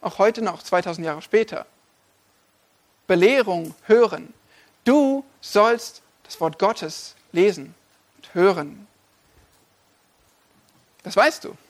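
A man's voice: high voice, lively intonation, takes it slowly, pauses often. A male pastor preaching a sermon, addressing listeners directly with emphatic, repeated lists.

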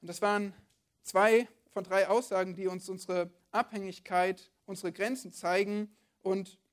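A woman delivers a sermon in an easy, conversational tone, speaking straight to her listeners. She keeps posing questions back to them. Her voice sits at an ordinary middle pitch. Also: steady tone, measured pace. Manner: conversational, addresses listeners directly with rhetorical questions. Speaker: preacher.

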